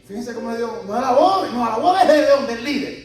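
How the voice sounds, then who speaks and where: High-voiced preaching man in an echoey hall. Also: animated, quick pace. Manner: fervent preaching with repeated refrains. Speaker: pastor. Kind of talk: sermon. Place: church. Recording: echoey church hall, distant mic, guitar music.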